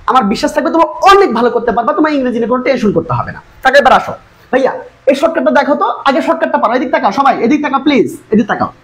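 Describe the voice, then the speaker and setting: A woman's voice: high voice, poor audio. A woman English tutor teaching an exam-prep lesson, coaxing the students to look and follow along. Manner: fast, coaxing, repeatedly urging students to look.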